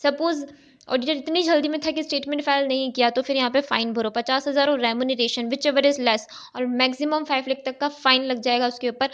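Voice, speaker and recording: A chartered accountancy tutor with a high, slightly bright voice speaks fairly quickly and with fairly even intonation. In this step-by-step exam-prep lecture, she asks and answers her own questions and often checks in with "okay." The audio is dull and lo-fi.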